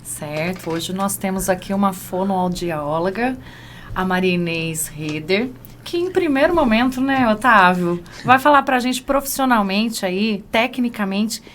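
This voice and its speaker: Brazilian woman co-host, polite and welcoming, mid pitch, faint background noise. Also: lively intonation, a little slow. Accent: Brazilian Portuguese. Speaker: podcast co-host. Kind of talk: casual podcast hosting.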